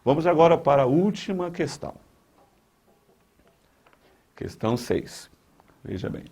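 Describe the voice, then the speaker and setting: A man's voice: fairly high pitch, sing-song, measured pace, a little mellow, breathy edge. A man with a Brazilian Portuguese accent teaching grammar for an exam, repeating key points with emphasis and talking straight to the viewer. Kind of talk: exam-prep lesson.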